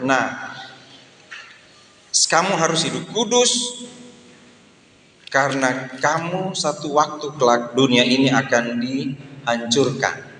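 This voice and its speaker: A man in his fifties preaching a lively sermon to a congregation in a church hall. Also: mid-range voice, slight background noise. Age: 50s. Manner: lively preaching, acts out voices in asides. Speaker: pastor. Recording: echoey hall with faint ambience.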